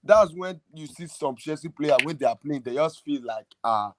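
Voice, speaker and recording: With a crowd audible behind him, a podcast host with a slightly high, animated voice makes his case about football at a moderate pace. The debate is casual yet heated, and he comes across as passionate, argumentative and emphatic.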